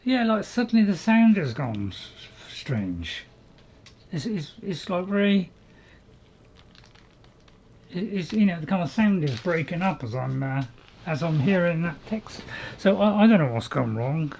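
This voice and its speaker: High-voiced, animated man chatting through a game. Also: measured pace, creaky. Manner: hesitant, repetitive, chatty. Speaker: game streamer. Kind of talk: casual gameplay commentary.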